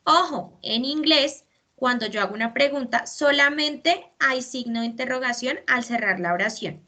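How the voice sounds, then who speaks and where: A woman's voice: high-pitched, moderate pace, bright, forceful tone. A woman English teacher explaining grammar step by step in a patient class.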